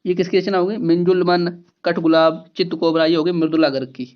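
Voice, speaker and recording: Here the same fairly high-voiced man teaches exam-prep grammar with a flat delivery, though his tone is clear and resonant despite the dull, lo-fi sound. Taking each point slowly, he repeats the key words and throws rhetorical questions at the class.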